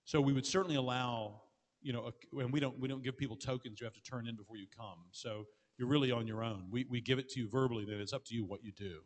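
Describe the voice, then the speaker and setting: A man, a pastor, answering audience questions in earnest, quick speech with frequent restarts. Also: medium pitch, steady tone. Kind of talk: conference Q&A answers. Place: large hall with an audience. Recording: long reverb of a large hall.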